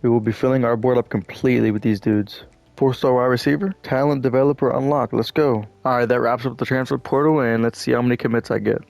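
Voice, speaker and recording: A young man commenting on his own football game session, talking in an ordinary mid-range voice. He swears freely and jumps from flat play-by-play to loud, high-pitched outbursts when a play goes wrong. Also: fast, vocal fry, no room sound, soft background music. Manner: frustrated, profane, swings into shouting. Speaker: gaming YouTuber. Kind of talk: gameplay commentary.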